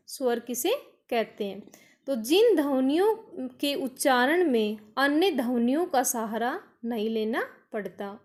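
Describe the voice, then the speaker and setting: A woman teacher giving a grammar lesson, explaining step by step, restating each definition and answering her own questions. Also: high-pitched. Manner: asks a question, then answers it herself. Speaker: school teacher.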